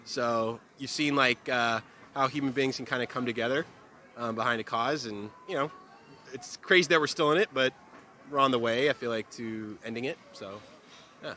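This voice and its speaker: Middle-aged man, outdoors, hesitant, bright voice, light street hum. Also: medium pitch, normal speed. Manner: hesitant, with many fillers. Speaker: passerby interviewee. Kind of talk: street interview answer. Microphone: handheld mic.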